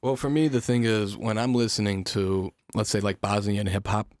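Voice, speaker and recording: A man's voice: fairly low pitch, moderate pace, dry recording. A young man hosting a casual podcast chat, asking loose, rambling questions. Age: young adult. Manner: relaxed, probing questions, loose rambling phrasing. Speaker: podcast host.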